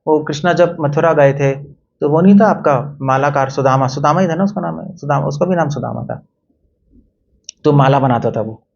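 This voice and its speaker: A man's voice: fairly high pitch, moderate pace, vocal fry. A man giving a conversational devotional talk, mixing in English phrases and putting questions to his listeners. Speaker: temple speaker. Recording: dull lo-fi recording.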